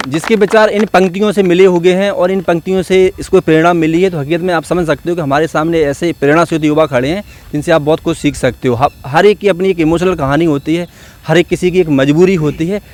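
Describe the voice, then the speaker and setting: A man's voice: on the high side, fairly even intonation, brisk, a little mellow. A man coaching at a police exam academy speaks. His tone is earnest and encouraging as he praises his students, like a teacher rallying his class outdoors. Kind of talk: motivational talk with students.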